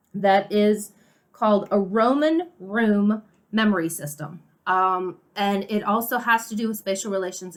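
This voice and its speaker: Upbeat woman teaching a therapy class. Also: medium pitch. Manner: upbeat, explains with hands-on demonstrations. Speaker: occupational therapist. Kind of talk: video lesson for parents.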